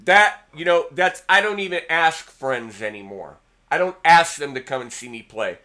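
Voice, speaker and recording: Bright-voiced man telling a rambling story. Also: on the high side, lively intonation, normal speed. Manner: rambling, anecdotal, repeats words. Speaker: guitar channel host. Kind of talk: casual storytelling to camera.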